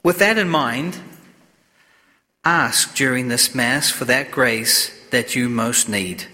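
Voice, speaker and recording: A man preaches at Mass inside a church, delivering a sermon and scripture reading slowly in a medium-pitched, bright, forceful voice. His manner is solemn, deliberate, and measured, and the recording carries a long, cathedral-like echo.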